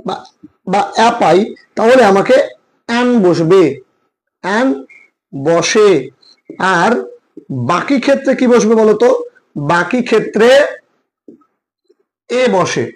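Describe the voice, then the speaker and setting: High-voiced Bengali man tutoring English. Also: slow pace, pauses often, rough recording. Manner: repeats rules and quizzes students with questions. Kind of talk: classroom lecture.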